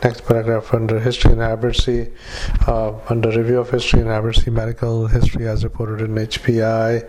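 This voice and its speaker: A man dictating a patient note into a dictaphone, halting with many fillers and reading out punctuation and paragraph breaks. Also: on the low side, completely flat delivery, background noise. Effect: dictaphone recording. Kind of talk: medical dictation into a recorder.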